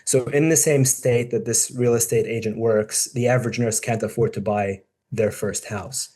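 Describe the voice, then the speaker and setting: A man's voice: mid-range voice, fairly even intonation, moderate pace, dark tone. A man in his forties, a surgeon, giving a casual, conversational talk to fellow doctors, with frequent ums and restarts. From born in the UK, raised in Dubai and New Zealand. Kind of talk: casual presentation to peers.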